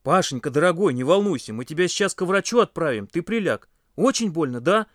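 A man's voice: on the high side, animated, fairly quick, dry recording, studio quality, voice pushed up, close to an everyday voice. Man doing a chorus of fussing young campers. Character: group of worried, then angry young campers.

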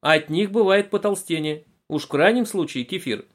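A man's voice: high voice, normal speed, voice pushed up, close to an everyday voice. A man voicing a strict grandmother who favours sport, giving firm, clipped answers in a storybook.

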